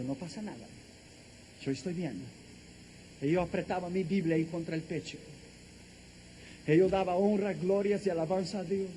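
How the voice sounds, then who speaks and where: High-voiced impassioned male preacher. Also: a little hiss or hum. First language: Portuguese. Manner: impassioned, building to shouted preaching. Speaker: evangelist. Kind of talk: testimony sermon.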